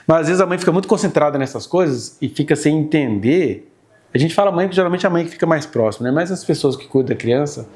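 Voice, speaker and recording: Teaching a church class, a preacher delivers a conversational, explanatory sermon, often checking in with his audience through tag questions. His voice is a little high and darkish in tone, animated and fast.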